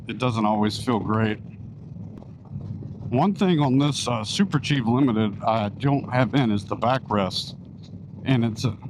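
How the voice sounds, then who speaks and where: A man chatting casually as a motorcycle vlogger while riding, his voice enclosed inside a helmet. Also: mid-range voice. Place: outdoors, riding a motorcycle on country back roads. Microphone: microphone inside a helmet. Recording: wind and engine noise, helmet mic.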